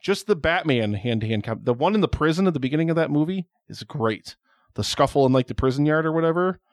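A man's voice: a little high, animated, quick pace, no room sound, studio quality. A man hosting a podcast in casual chat, rambling, joking and swearing as he talks about films. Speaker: podcast host.

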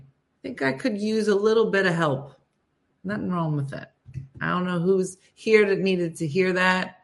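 A woman hosting a casual livestream, chatting with viewers in a listless, low-energy, dry deadpan way. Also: creaky. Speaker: host of a morning livestream show.

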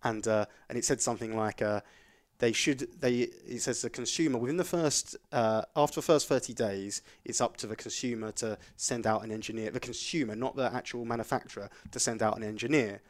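A man telling a story in a casual chat, animated, his voice climbing sharply as he recounts getting angry. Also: medium pitch, a little fast. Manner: animated, voice rising sharply when recounting anger.

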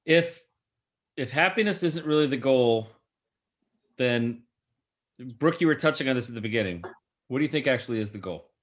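A man hosting a casual podcast chat, with halting, folksy phrasing. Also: medium pitch, animated. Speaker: podcast host.

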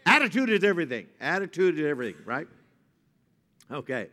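A man preaching a sermon at a pulpit microphone in a church, moving from joking to a softer, reflective tone. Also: fairly high pitch, big pitch swings, brisk. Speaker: pastor. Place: church sanctuary. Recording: reverberant church hall.

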